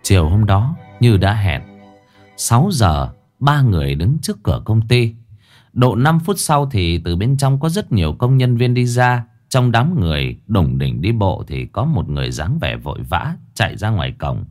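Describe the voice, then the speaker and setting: A man's voice: lowish voice, sing-song, normal speed, a little mellow, soft background music. A man narrating a ghost story with dramatic, scripted delivery.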